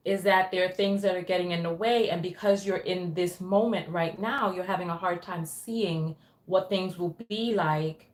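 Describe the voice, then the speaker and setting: Echoey female live coach and host. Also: on the low side. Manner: guiding, reflects back and checks in with questions. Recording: echoey, roomy sound.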